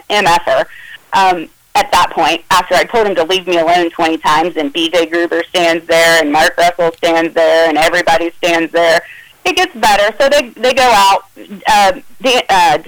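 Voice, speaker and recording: A woman's voice: on the low side, no echo, rough recording. A woman telling an emotional, agitated first-person account of a confrontation, acting out the quoted dialogue. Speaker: caller recounting an incident.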